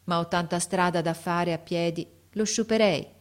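A woman's voice: fairly low pitch, fairly even intonation, moderate pace, natural voice. A woman reading aloud and voicing a devoted young boy in a storybook, speaking in earnest, emotional exclamations. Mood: tearful.

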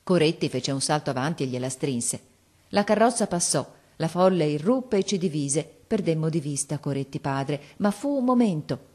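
A woman narrating a classic novel as an audiobook, with measured, expressive storytelling. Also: deep voice, husky.

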